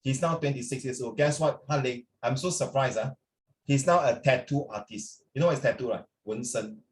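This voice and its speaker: The audio is poor, but a medium-pitched middle-aged man with a Singaporean accent can be heard talking a little fast. He's a language teacher chatting informally with students, sliding between English and Mandarin with regular "ah" tags.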